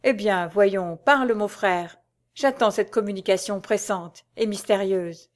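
A woman's voice: mid-range voice, measured pace, close to an everyday voice. A woman voicing a hot-tempered elder brother in an audiobook, reading his lines with agitated outbursts. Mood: outraged.

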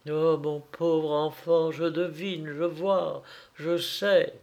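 A man voicing a gentle mother who speaks softly and tenderly. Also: on the high side, little pitch movement, slow. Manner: soft, tender.

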